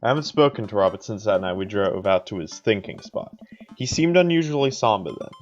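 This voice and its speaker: A man's voice: on the low side, animated, fairly quick, dull audio, faint music behind. A man streaming a game, chatting casually and reading the story aloud, rambling and laughing often. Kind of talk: casual let's play chat and narration.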